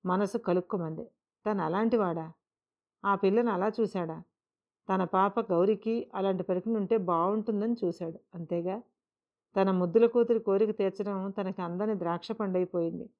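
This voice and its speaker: A woman narrating a scripted story in a measured, emotive way. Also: mid-range voice. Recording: dull lo-fi recording.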